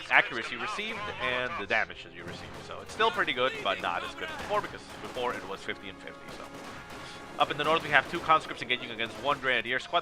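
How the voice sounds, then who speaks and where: A man with a nasal, congested voice, sick with a stuffy nose, commentating on a strategy game match in a casual, explanatory way. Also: medium pitch. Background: video game battle sounds and music.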